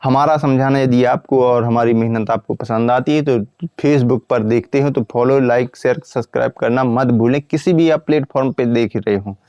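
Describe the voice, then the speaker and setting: A man teaching a grammar lesson, asking questions and answering them himself, repeating each point and sounding out vowels slowly. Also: mid-range voice, steady tone, dark tone, smooth, dry recording, dull audio.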